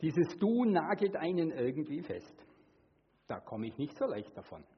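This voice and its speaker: Earnest male preacher, slightly high voice, swings from hushed to emphatic. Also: very animated, moderate pace, muffled recording, slight background noise. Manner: acts out quoted voices with sudden high pitch. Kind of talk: sermon.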